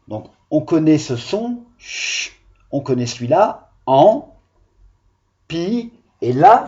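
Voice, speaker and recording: A man's voice: on the high side, mellow, muffled recording. A male primary school teacher giving a video phonics lesson to young children, patiently sounding out syllables.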